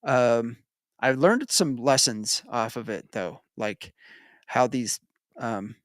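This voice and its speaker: An American man hosts a casual sports betting podcast in a mid-range voice, taking his time. He rambles, corrects himself and chuckles, and the sound is clean studio audio with no echo.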